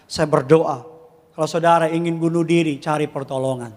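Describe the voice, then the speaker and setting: A man preaching a sermon as a pastor, animated and humorous, firing rhetorical questions at his congregation. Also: a little high, fairly quick. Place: large church hall. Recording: long church reverb.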